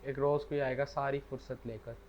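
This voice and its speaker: Flat delivery marks this male podcast co-host, whose mid-range voice moves at a normal speed. Joining remotely by internet call, he chats casually and recites couplets. Sound quality is dull and lo-fi, with faint noise underneath.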